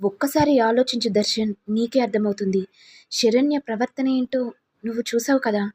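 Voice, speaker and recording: A woman voicing a caring older mother who gently advises her son. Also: fairly high pitch, fairly quick, slightly rough. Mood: advising.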